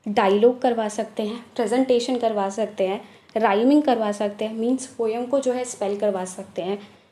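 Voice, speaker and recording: A woman teaching a lesson from her notes, explaining in Hindi and reading English terms slowly. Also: fairly high pitch, fairly even intonation, dark tone, echoey room.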